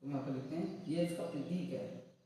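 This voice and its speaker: A man's voice: a little high, brisk, warm tone. A man teaching an exam-prep lesson with memory tricks, who keeps asking a question and repeating the answer in a call-and-response drill. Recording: echoey room from a distant mic.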